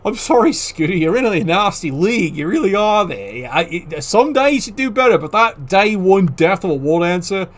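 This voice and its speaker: A man with a high-pitched voice runs through a league roundup in an easygoing, chatty way. His delivery is sardonic and peppered with profane ribbing of the coaches. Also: very animated, normal speed, few pauses. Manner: sardonic, profane trash-talking banter. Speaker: league commentator. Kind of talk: casual league roundup commentary.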